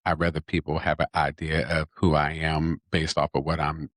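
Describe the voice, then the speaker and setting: A man's voice: a bass voice, flat delivery, moderate pace, no room sound. A man hosting a solo podcast, talking casually with wry asides and lots of ums. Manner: casual, conversational, with many fillers and wry asides. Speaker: podcast host.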